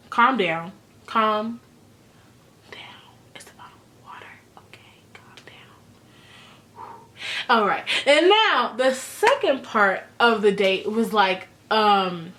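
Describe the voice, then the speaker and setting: A woman's voice: medium pitch, fairly bright tone. A woman giving a casual, chatty and sassy recap of a reality show, using "like" a lot. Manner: chatty and sassy, heavy use of "like". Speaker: recap vlogger.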